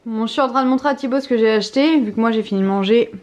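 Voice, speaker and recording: A woman's voice: a little high, very fast, a little mellow, a little hiss or hum. Chatty young woman vlogging at home. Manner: chatty, many fillers, exasperated. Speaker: family vlogger. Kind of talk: casual vlog chat. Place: home, kitchen.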